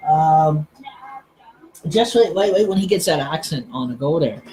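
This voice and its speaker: A man's voice: a little high, animated, a little slow, dark tone, soft background music, poor audio. A man hosting a live stream, chatting casually and hesitantly, with many fillers and restarts. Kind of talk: casual rambling chat.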